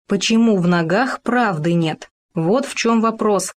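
A woman's voice: mid-range voice, measured pace, natural voice. A woman voicing a stubborn male hamster who muses in a thoughtful, self-important way. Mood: musing.

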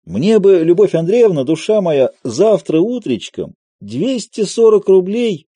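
A man voicing an elderly gouty male landowner who begs loudly and wheedles, read for an audiobook of a play. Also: high voice, sing-song, measured pace, slightly rough, no room sound, pitched above the performer's own voice, exaggerated voice. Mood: pleading. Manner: loud, begging, wheedling.

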